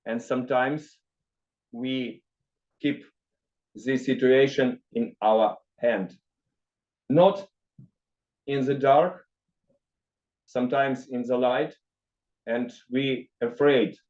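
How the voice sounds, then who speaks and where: A man with non-native English delivers a story as a contest speaker. He speaks extremely slowly in broken, halting phrases, and the sound is dull and muffled. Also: medium pitch, fairly even intonation, darkish tone. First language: not English. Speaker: speech contest participant. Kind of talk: storytelling speech.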